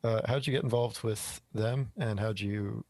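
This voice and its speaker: A man's voice: on the low side, steady tone, unhurried, darkish tone, no room sound. A tired male interviewer fumbling through his questions in a self-deprecating way. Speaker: podcast interviewer.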